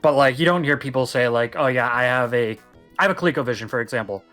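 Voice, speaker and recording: Over faint music, a young man co-hosting a casual podcast talks fast and at length, rambling with plenty of emphasis. His mid-range voice has a slightly bright quality.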